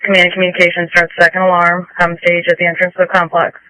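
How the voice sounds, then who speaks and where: A man's voice: high voice, monotone, fast talker, pushed and bright, smooth, no room sound, low-quality recording. A man giving terse, procedural orders as a fireground commander over two-way radio. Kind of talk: emergency radio dispatch traffic, giving orders. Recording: dry, radio transmission.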